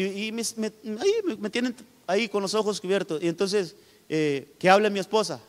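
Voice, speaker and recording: A male pastor from Honduras preaching a sermon with emphatic delivery, often calling out to his listeners directly. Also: high voice. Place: church hall. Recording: long hall reverb.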